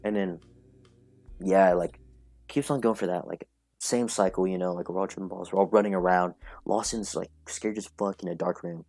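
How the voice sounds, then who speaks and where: Speaking at a moderate pace with a low, slightly mellow voice and fairly even intonation, this young podcast guest spins a long, meandering tale full of filler words and laughter. The recording has no room sound.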